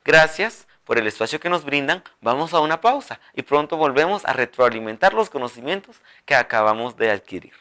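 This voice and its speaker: Lively man teaching a language. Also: medium pitch. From Guatemala. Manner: drills words slowly, coaxing viewers to repeat aloud. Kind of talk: televised language lesson.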